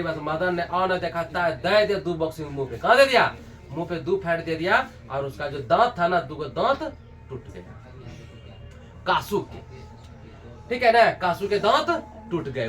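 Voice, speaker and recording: High-voiced teacher. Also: male voice, recorded from a distance. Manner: lively, with constant check-in questions. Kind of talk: retelling a story for students.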